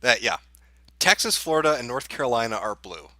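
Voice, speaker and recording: A man's voice: medium pitch, very animated, a little fast, sharp tone, no echo. A man hosting a livestream as an off-the-cuff election night analyst, thinking aloud as he reads out results in casual live commentary. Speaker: livestream host.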